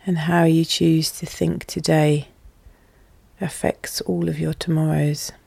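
A podcast host guiding relaxation in a calm, soothing, soft and hushed voice, with measured, deliberate phrasing. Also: medium pitch, gravelly, breathy edge, dry recording. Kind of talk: slow, soothing guided hypnosis narration.

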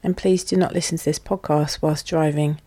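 A podcast host guiding relaxation in a calm, soothing, soft and hushed voice, with measured, deliberate phrasing. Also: medium pitch, husky, no echo. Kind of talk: slow, soothing guided hypnosis narration.

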